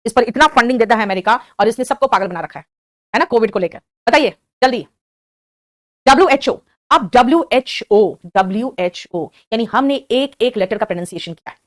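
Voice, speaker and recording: A woman's voice: fairly high pitch, animated, moderate pace. A woman with an Indian accent teaching a spoken English class, patiently coaxing and quizzing her students.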